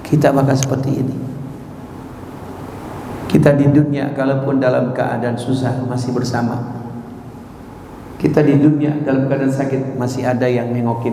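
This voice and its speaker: A man's voice: mid-range voice, mellow, a little hiss or hum. A man preaching a sermon in a mosque, telling stories animatedly and slipping into quoted voices. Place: mosque hall. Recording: echoey hall, faint ambience.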